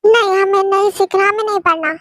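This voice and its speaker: A sulky, stubborn young woman, as a woman acts her out in a homemade audio drama. She talks formally and keeps refusing, in a very high voice. The close mic sounds dry. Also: steady tone, fairly quick, fairly bright tone, no echo. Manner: sulky, formal plural speech.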